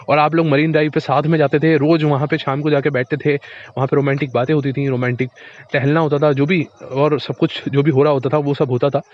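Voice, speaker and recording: Guy doing a motivational talk, talks straight to you like a buddy, repeats stuff, voice sits kinda high, muffled lo-fi recording. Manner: direct, repeats points, addresses the listener as a friend. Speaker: motivational speaker. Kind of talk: casual advice monologue. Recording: dull lo-fi recording.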